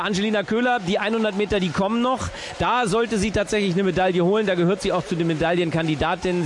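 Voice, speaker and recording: A man's voice: high-pitched, slight background noise. A man giving radio sports commentary on swimming results, opinionated and informal, with some restarts.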